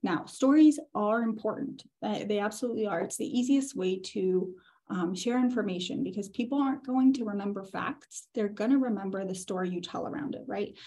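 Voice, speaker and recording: A woman, giving a relaxed workshop talk with frequent fillers and restarts. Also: mid-range voice, fairly quick. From Ukraine. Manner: easygoing, explains with fillers and restarts. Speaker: workshop presenter. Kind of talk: conversational presentation.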